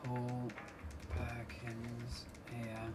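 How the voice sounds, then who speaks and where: A man's voice: mid-range voice, completely flat delivery, extremely slow, very noisy. Man leaving a hesitant voicemail. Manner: hesitant, filled with ums. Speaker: documentary filmmaker.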